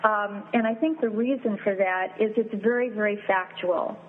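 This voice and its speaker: A woman appraiser answering interview questions in a measured, explanatory way, listing points step by step, heard over a phone line. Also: mid-range voice. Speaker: fine art and wine appraiser, guest. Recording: tinny phone line with faint hiss.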